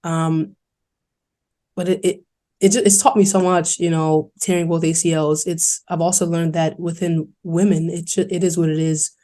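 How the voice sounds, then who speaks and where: Young woman with a flat, mellow voice. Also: fairly low pitch. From New York City. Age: young adult. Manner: earnest, fast-flowing, quoting others in lively voices. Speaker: college basketball player, podcast guest. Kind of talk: candid interview storytelling.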